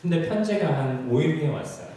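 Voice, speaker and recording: A middle-aged male pastor preaches with animated storytelling and mid-range pitch, sometimes slipping into his own past prayers. He is heard from a distance in a strongly echoing church sanctuary with faint room noise. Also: brisk. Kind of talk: sermon with personal story. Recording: echoey church hall from far off.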